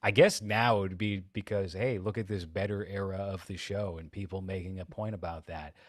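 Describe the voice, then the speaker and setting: A man with a lowish voice talks in loose, rambling podcast chat, blunt and swearing freely. The sound is dry and close, with no room around it. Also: steady tone, a little fast, no room sound. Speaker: podcast co-host.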